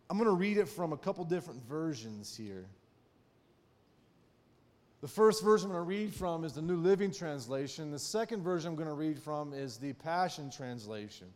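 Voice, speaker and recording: A man's voice: a little high, a little mellow, in a large hall. A man preaching a sermon, telling a personal story in a folksy way with frequent "right?" asides. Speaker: pastor.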